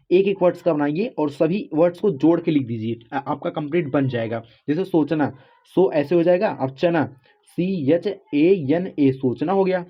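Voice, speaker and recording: Man slowly spelling out letters. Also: fairly high pitch. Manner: slow, spells out letters one by one, often says "ठीक है". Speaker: teacher. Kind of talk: spelling lesson. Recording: muffled lo-fi recording.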